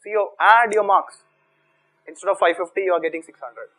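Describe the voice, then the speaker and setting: A man's voice: high-pitched, brisk, bright, forceful tone, rough recording. A man with an Indian English accent giving a coaching lecture to students, speaking emphatically with repeated points and rhetorical questions. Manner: emphatic, repetitive, with rhetorical questions and check words. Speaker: exam coaching teacher.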